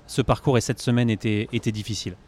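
A man hosting a conversational golf podcast, discussing tournament play with halting, repeated phrasing. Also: lowish voice, fairly even intonation, background noise. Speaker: podcast host.

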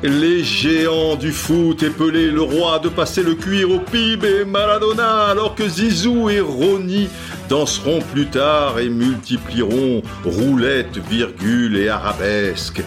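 A man's voice: on the high side, unhurried, music in the background. A man, the host of a podcast, giving lyrical scripted narration in a storytelling manner.

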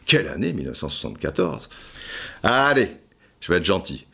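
A man's voice: low voice, big pitch swings, a little fast, creaky, fairly bright tone, husky. A man hosting a playful football history podcast, joking and theatrical, often stammering repeats. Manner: jokey, theatrical, stammering repeats, sings and hums asides. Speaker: podcast host.

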